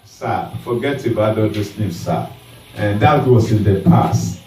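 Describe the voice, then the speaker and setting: Grovelling village elders, acted by a preacher, beg for help in a low, hushed voice. They speak slowly and humbly. The sound rings through a roomy hall from a distance. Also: male voice, slight background noise, lightly acted. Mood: pleading. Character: humble pleading old male elders.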